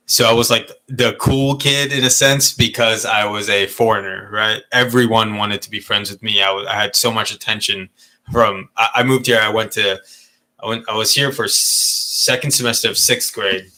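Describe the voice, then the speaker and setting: A Malaysian man in his thirties co-hosts a podcast, rambling candidly through stories in casual chat with frequent swearing and laughter. His voice is fairly low and sharp-toned at a normal speed.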